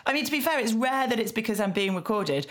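This Yorkshire woman, likely in her thirties or forties, talks fast with lively intonation and a slightly bright, high voice. As a podcast co-host she recaps TV in casual, self-deprecating British English chat.

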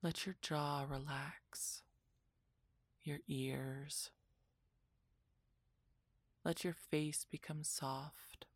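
A woman narrating a guided relaxation meditation in a soft, soothing, breathy voice that often drops into a whisper, like a spa session. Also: low-pitched, steady tone, drawn-out words, long pauses, no room sound.

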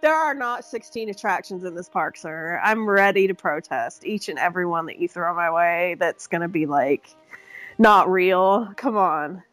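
A woman's voice: fairly low pitch, animated, normal speed, a bit bright, no echo, soft background music, rough recording. A woman podcast co-host chatting casually, playfully protesting, with a voice that sounds worn and under the weather from a cold.

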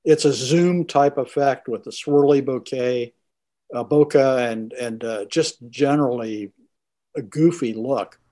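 A man's voice: mid-range voice, unhurried, dark tone. A man talking casually as a podcast co-host. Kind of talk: casual chat.

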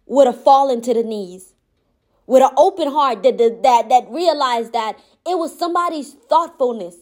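Impassioned high-voiced woman speaker. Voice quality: gentle yet firm. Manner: impassioned, repetitive emphatic phrasing. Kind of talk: motivational monologue.

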